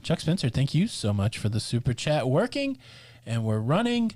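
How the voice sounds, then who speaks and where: A man's voice: mid-range voice, very animated, normal speed, darkish tone, no room sound. A man co-hosting a casual live cruise stream, joking around and reading out viewer names and super chats, his eyes watering and nose running. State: eye watering, sniffly. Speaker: co-host of a live cruise show.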